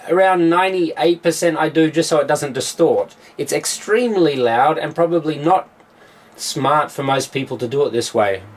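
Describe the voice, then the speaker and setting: A music producer walks through his mix in his home studio, a man with a slightly raised voice. He explains each step plainly and fills gaps with "uh" and "um" as he works. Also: fairly high pitch. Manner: explanatory, with frequent filler sounds. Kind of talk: studio tutorial.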